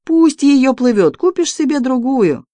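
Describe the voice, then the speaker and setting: An audiobook reader voicing a level-headed young officer who talks in a calm, reasoning way. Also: sits high, a little slow, no room sound, clean studio sound, pitched above the performer's own voice. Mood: conciliatory. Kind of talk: audiobook character voice.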